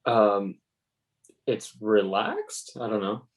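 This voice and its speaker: A male student giving short, quiet answers and agreeing during a drawing lesson. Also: on the low side, huge pitch swings, takes it slowly. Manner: quiet, agreeing, brief replies.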